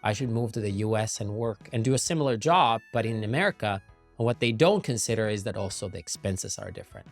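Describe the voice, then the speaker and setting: A man's voice: fast, soft background music. A young adult man from Finland, talking casually to camera as a YouTuber and entrepreneur, and lifting his voice on key points. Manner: conversational, lively rises in pitch and loudness on key points.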